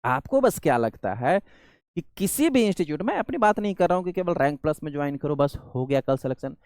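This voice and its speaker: A man's voice: on the high side, very animated, quick pace, a little mellow, no echo, studio quality. A man teaching an exam-prep lecture, speaking earnestly and calling his students sir and beta. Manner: earnest, addresses viewers as sir and beta, mixes in English. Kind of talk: coaching lecture on a job vacancy.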